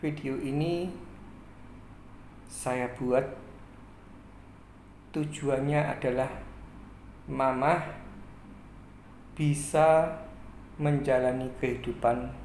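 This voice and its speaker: Man in his 40s, unhurried life-story narrator, pausing often, echoey room with faint hum behind. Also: mid-range voice, fairly even intonation, darkish tone. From Indonesia. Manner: slow, measured, with frequent pauses. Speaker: channel host.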